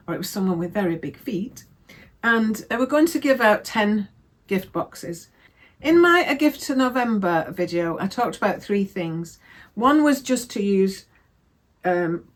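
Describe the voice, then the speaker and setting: A woman from England talks through her sewing projects in a relaxed, meandering way. She wanders off on side notes and stops to correct herself, and her voice sits at an ordinary middle pitch. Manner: chatty, rambling, self-correcting. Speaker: sewing vlogger. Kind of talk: casual crafting chat.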